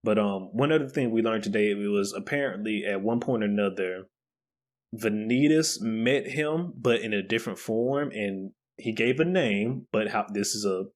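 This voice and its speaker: A man's voice: lowish voice, moderate pace. A man co-hosting a casual anime podcast, recapping episodes with hype, swearing and laughing. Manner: hyped, boastful, laughs and swears. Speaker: podcast co-host. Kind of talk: casual anime review chat.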